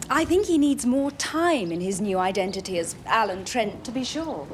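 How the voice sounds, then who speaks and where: An actress playing a composed, monied woman in a TV drama, measured and formal. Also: fairly high pitch, lively intonation, lightly acted. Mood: concerned. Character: composed, genteel, monied woman hiring help. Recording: clear background noise.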